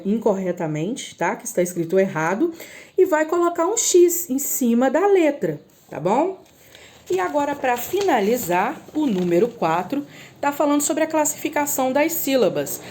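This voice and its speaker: A woman teaching a recorded lesson to young children, slowly drawing out example words and often checking in with them. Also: fairly high pitch, mellow. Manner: patient, drawn-out word spelling with frequent "tá?" checks. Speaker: primary school teacher.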